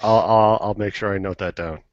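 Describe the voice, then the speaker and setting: A man hosting a casual podcast, trading teasing, wry remarks with his co-host. His voice has a mid-range pitch for a man, and the sound is dry and somewhat dull. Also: steady tone, normal speed, dry recording. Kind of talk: casual chat.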